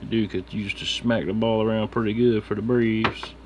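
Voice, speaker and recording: A man sorts cards at a computer desk while streaming, naming each one in a laid-back, slangy mumble. His fairly low voice moves at a moderate pace over a steady hum of room noise.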